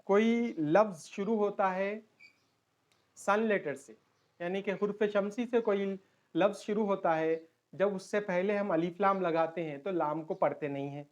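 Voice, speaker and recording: Male teacher. Patient online lesson that repeats key terms and switches into English. Dull, lo-fi recording. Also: high voice.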